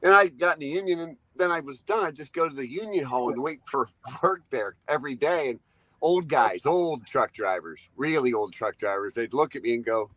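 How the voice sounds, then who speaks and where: A truck driver in his fifties, appearing as a guest in a storytelling interview, spins long, rambling anecdotes, laughing often and acting out what people said. His voice is medium-pitched and fairly bright, at normal speed, in poor audio with no echo.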